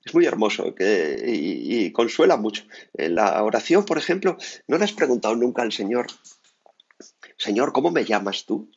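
A man from Spain, a priest giving a spoken meditation in a conversational manner with frequent tag questions and lively asides. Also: lowish voice, normal speed, husky, muffled recording.

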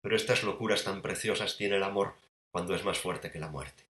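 A man preaching a sermon, retelling a scene tenderly and swinging between soft and emphatic delivery. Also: low-pitched, fairly quick, echoey room.

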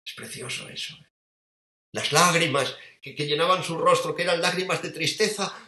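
A man preaching a sermon, retelling a scene tenderly and swinging between soft and emphatic delivery. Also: on the high side, reverberant.

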